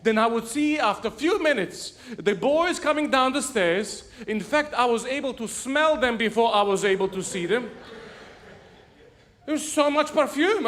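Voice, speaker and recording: High and fairly bright, this pastor's voice fills the sanctuary as he shares humorous stories from the pulpit, chuckling at his own punchlines.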